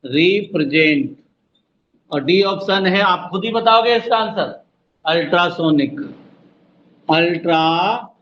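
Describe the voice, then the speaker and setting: A man teaching an online exam-prep class, drawing words out slowly syllable by syllable and calling his students "beta", with an Indian English accent. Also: high-pitched. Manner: slow, drawn-out spelling of words, addresses students as "beta". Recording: dull lo-fi audio with faint noise.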